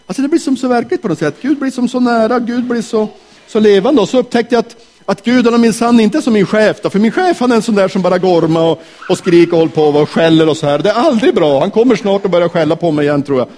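A man telling a Bible story to children in character, animated and asking them questions. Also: sits high. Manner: animated, asks the audience questions. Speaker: children's talk leader.

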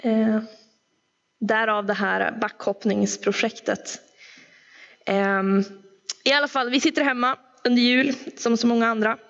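A woman's voice: on the high side, flat delivery, pauses often, a bit bright. A woman telling a personal story in a sermon, chatty, with many fillers and asides. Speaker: preacher. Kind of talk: anecdotal sermon. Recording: echoey hall, dull sound.

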